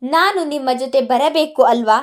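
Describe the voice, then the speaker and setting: A woman's voice: high voice, normal speed, close to an everyday voice. A woman storyteller voicing a young daughter who firmly silences her family. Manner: firm, commanding.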